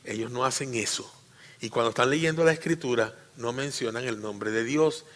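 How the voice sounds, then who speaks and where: A man preaches to his congregation with a bright, forceful voice that rings out in a reverberant church hall. He teaches by repeating key phrases and putting questions to his listeners. His delivery swings from loud, emphatic peaks to quieter asides. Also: medium pitch. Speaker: pastor. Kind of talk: sermon.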